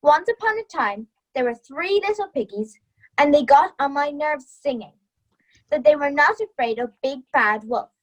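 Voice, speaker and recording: A woman's voice: sits high, animated, normal speed, rough recording. A woman voicing a grumpy, bullying older male wolf with a menacing, scornful, growling manner in a youth theatre storybook reading. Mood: gruff, boastful.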